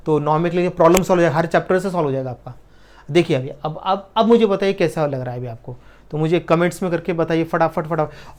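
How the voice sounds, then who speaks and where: A man teaching chemistry for exam prep in an online lesson. He coaxes and nudges his students, often checking they follow, and slows down and drops his voice as he writes terms out. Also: a little high, darkish tone. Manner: coaxing, repeats "ठीक है ना" to check understanding.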